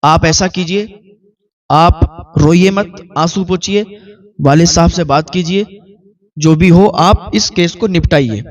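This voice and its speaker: A preacher voicing a gentle devout son. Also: male voice, on the high side, far from the mic, muffled recording, lightly acted. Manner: soft, calm, reasoning.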